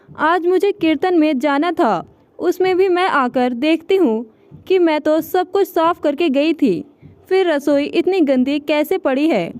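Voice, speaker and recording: A woman voicing a patient, pious older mother-in-law in a storybook tale, pleading and gently complaining. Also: high voice, dry recording.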